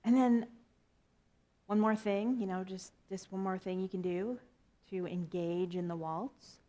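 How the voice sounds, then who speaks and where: A woman's voice: mid-range voice, steady tone, unhurried, warm tone. Woman minister giving a chatty sermon. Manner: conversational and playful, with self-deprecating asides.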